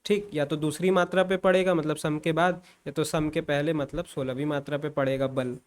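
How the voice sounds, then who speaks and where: A man's voice: on the high side, steady tone, normal speed. A young man giving a music exam-prep lecture, explaining step by step and often checking in and repeating points. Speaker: music teacher.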